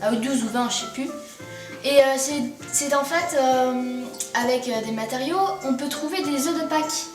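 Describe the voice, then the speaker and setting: A woman co-host talks casually over a game in a slightly high voice. She is a little distant from the mic in an echoey room. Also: normal speed, faint music behind. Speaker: gaming video co-host.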